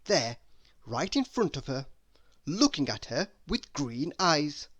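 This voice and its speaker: With deliberate pacing and plenty of expression, a mid-range-voiced narrator reads aloud from a children's storybook.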